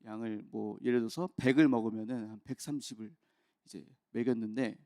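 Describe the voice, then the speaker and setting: A man in his thirties, a pastor telling a candid personal story in an early-morning sermon, with quick bursts and soft trailing asides. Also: on the low side, steady tone, no echo, studio quality. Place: church.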